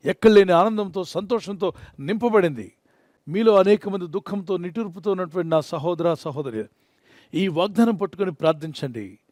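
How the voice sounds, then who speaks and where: A man preaches in a high, earnest voice. He pleads with the listeners and leads them in prayer. The sound is dry and close, with no room echo. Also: fairly quick, darkish tone. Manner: earnest, pleading, mixes in English phrases. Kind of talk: Telugu sermon with prayer.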